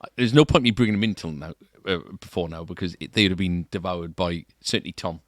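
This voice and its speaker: A man's voice: low-pitched, quick pace, no room sound, clean studio sound. A man co-hosting a shop podcast, chatting casually and often ending remarks with tag questions. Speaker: podcast co-host at a guitar shop. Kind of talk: casual chat. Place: shop, indoors.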